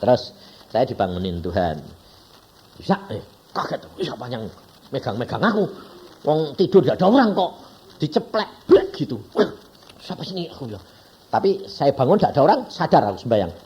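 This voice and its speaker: A man's voice: medium pitch, fairly quick. A man with a Javanese accent preaching a sermon in a chatty style, firing questions at the congregation. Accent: Javanese-accented Indonesian. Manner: lively, conversational preaching with frequent questions to the congregation. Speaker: evangelist preacher.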